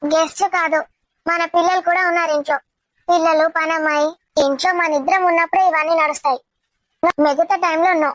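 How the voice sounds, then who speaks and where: A stern housewife who lays down the rules for her husband in a firm, scolding tone, played by a woman. Her voice sits very high and sounds dry and close to the mic, with a lilt in a home web drama. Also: fairly even intonation, a little fast, fairly bright tone, no room sound.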